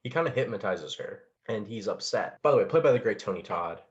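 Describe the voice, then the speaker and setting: Low-voiced man rambling about a film. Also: animated, a little fast. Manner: rambling, many fillers and laughs. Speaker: podcast co-host. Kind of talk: casual chat about a film. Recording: dull lo-fi sound.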